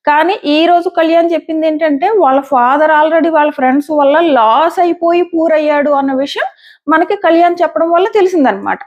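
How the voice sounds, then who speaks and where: A woman's voice: high voice, a little fast, highs cut off. A woman giving casual, emphatic commentary as a show reviewer, arguing her points and repeating them.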